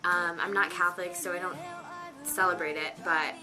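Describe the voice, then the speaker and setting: A woman's voice: fairly low pitch, fairly even intonation, moderate pace, music in the background. A nineteen-year-old woman chatting casually to camera from her bedroom, rambling with lots of fillers. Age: teens. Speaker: vlogger. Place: her bedroom on a rainy day.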